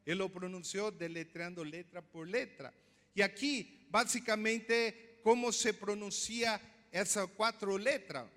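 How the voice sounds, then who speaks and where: A man's voice: high-pitched, measured pace, fairly bright tone. A man pastor preaching a sermon, teaching step by step and asking the congregation questions. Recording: long hall reverb.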